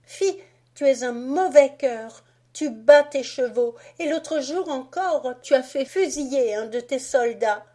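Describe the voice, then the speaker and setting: Marie, a woman doing a high pleading little girl. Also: slow pace, warm tone. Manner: high, crying out.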